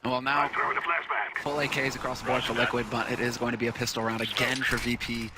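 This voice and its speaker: Man, esports caster, excitable match commentary, conversational, medium pitch, clear game gunshots and clicks behind. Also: fast, very noisy. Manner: excitable on big plays, conversational between them. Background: video game gunshots and clicks.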